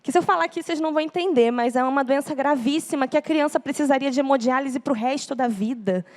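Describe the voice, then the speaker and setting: A woman's voice: high voice, fast talker. A young Brazilian woman with a Brazilian Portuguese accent giving an earnest church testimony to a congregation, acting out the words of others as she tells it. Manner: earnest storytelling, acts out quoted speech.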